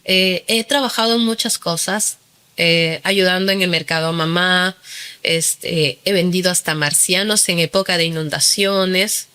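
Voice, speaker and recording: A Peruvian woman in her forties shares her testimony as an interview guest, speaking with a Peruvian Spanish accent. Her voice is bright and forward, and she tells her story earnestly, with frequent hesitations and fillers along the way. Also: on the low side, steady tone, measured pace, smooth.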